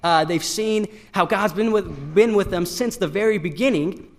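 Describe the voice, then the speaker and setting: A man's voice: sits high, normal speed. A young man from Iran giving a casual, self-deprecating devotional talk to a youth group, with frequent fillers and restarts. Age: young adult. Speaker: student speaker at a youth gathering.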